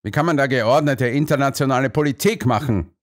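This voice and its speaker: Ein Mann, der in einem Hörbuch einen strengen, ungeduldigen älteren Kanzler spricht, herrisch und befehlend. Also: male voice, medium pitch, fairly quick, no room sound, clean studio sound, voice pushed up, close to an everyday voice. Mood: verzweifelt.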